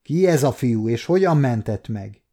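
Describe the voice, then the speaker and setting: A man reading an audiobook, voicing a gruff, suspicious noble father who growls his words. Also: mid-range voice, animated, dark tone.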